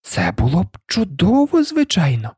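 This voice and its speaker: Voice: medium pitch, wildly swooping pitch, moderate pace, a little mellow, husky, dry recording, clean studio sound, voice pushed up, heavily acted. A reader voicing a curious, polite young girl in a storybook, asking questions in an inquisitive manner. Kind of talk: storybook reading.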